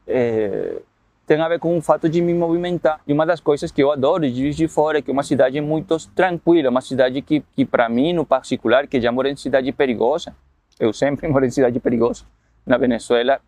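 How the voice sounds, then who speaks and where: A man with a somewhat high voice speaks in a documentary interview about refugee work at a university. He reasons aloud in a measured, reflective way, recorded dry and close with no room sound. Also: a little mellow, no echo. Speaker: university refugee program worker.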